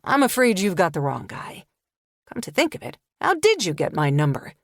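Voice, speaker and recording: A woman's voice: on the low side, huge pitch swings, normal speed, no echo, studio quality. Woman voicing a curt, wary man on the phone. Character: guarded terse grown man on phone. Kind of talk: audiobook narration.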